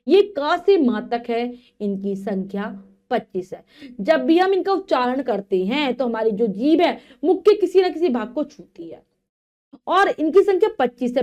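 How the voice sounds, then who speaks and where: A woman teaching a grammar lesson to children. She reads out definitions, re-explains them in simple words, and spells out letters and examples slowly. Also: sits high, darkish tone. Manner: slow, drawn-out recitation of letters and examples.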